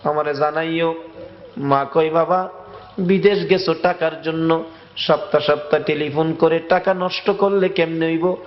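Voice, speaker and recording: A high-pitched male preacher with a pours out a wailing, half-sung sermon. He draws his words out slowly and pleads with his listeners. The recording sounds dull and lo-fi. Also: steady tone.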